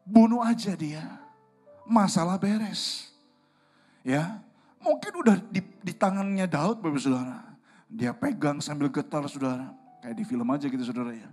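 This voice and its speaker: Male pastor in a church service, high-pitched; dramatic storytelling sermon that quizzes the congregation. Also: animated, normal speed, a little mellow, soft background music. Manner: storytelling, asks the congregation questions.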